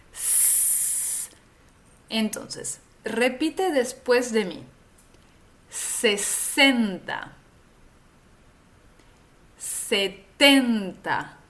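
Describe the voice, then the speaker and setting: A woman who is a native Spanish speaker, teaching pronunciation in a slow, careful lesson, drilling words and having listeners repeat after her. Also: mid-range voice.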